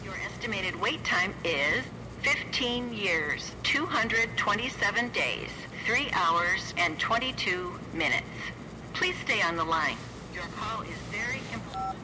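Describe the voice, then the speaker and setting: An actor voicing a polite, flat automated phone operator in a comedy sketch. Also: mid-range voice, measured pace, noisy background, natural voice. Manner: flat, polite recorded announcements.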